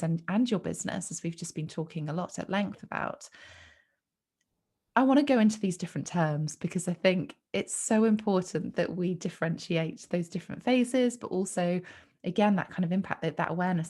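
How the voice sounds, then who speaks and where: A woman with a lowish voice hosts a podcast chat. She thinks aloud in a reflective way and softens her points with many fillers. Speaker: podcast host. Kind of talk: conversational podcast interview.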